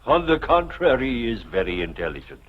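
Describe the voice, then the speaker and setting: An actor playing a genial, worldly, fussing middle-aged uncle in a theatrical 1950s television drama style, with formal old-world phrasing. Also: male voice, medium pitch, very animated, fairly quick, dull audio. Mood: concerned.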